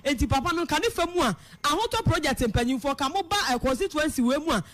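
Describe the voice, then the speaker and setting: A woman news reporter with a high voice. She delivers the report in a measured, steady way and keeps an even reporting tone.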